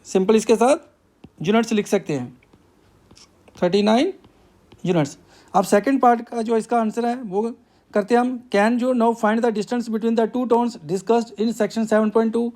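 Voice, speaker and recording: A man's voice: very high voice, takes it slowly, a little mellow. A male math teacher, working through a problem step by step and asking himself questions before he answers them.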